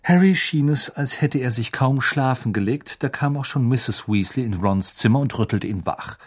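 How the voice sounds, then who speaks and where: Ein Mann, der ein Hörbuch ausdrucksvoll und lebendig vorliest. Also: male voice, mid-range voice, normal speed, slightly rough. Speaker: narrator. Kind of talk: audiobook reading.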